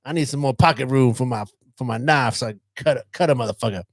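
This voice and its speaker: A man's voice: medium pitch, fast talker, gravelly, no echo, clean studio sound. A man co-hosting a podcast, joking and chatting casually. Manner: joking, laughing, animated. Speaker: podcast co-host. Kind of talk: casual chat.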